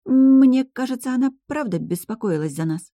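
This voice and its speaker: Reader putting on a timid girlish spirit, high soft drawn-out voice, storybook reading. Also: animated, no echo, clean studio sound. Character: shy young female spirit sharing a body, fearful.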